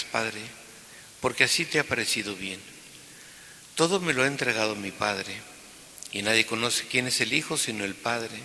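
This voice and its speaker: A man leading mass as priest, his very bright, forceful voice ringing through a cathedral echo. He proclaims the gospel solemnly and then preaches in an unhurried, reflective way. A faint hiss sits under the long church reverb. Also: medium pitch. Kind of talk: gospel reading and homily at mass. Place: large church.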